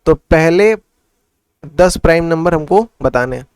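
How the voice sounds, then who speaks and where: A man's voice: a little high, lively intonation, unhurried, darkish tone, smooth, dry recording, clean studio sound. A man tutoring maths in casual Hindi mixed with English, working sums aloud and asking and answering his own questions. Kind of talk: casual classroom explanation.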